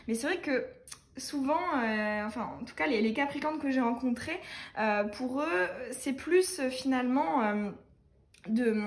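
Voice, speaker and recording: Quick, high-voiced woman reading tarot. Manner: fast, hesitant, many fillers. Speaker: tarot reader.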